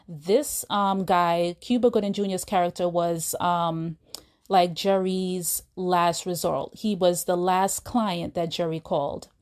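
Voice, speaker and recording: A woman's voice: on the low side, a little mellow. A woman hosting her own podcast, retelling a film scene in a casual, chatty way with asides to her listeners. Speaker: podcast host. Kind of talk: casual storytelling monologue.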